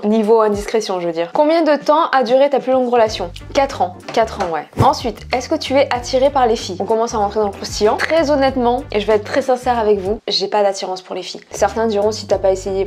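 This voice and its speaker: A woman's voice: medium pitch, darkish tone. A woman talking casually to her viewers while eating a meal, mukbang style, answering questions. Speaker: mukbang vlogger. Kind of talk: casual chatty Q&A to camera.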